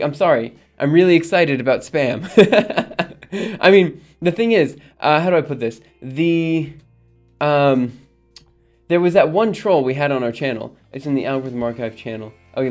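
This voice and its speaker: A man from Alabama hosts a live stream, chatting casually with viewers in a slightly high, somewhat mellow voice at a normal pace, with soft music in the background. He rambles, reads the chat aloud and answers it, and peppers his talk with ums and laughs.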